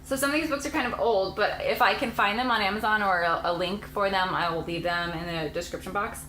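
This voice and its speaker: A woman's voice: medium pitch, brisk, pushed and bright, reverberant, a little hiss or hum, rough recording. A woman in her late twenties, a homeschooling mom vlogger, chatting casually and rambling to camera with frequent laughs. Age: late 20s.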